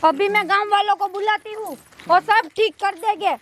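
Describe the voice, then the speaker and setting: A woman playing a village woman in a rural comedy sketch, calling out loudly and dramatically. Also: extremely high pitch, normal speed, slight background noise.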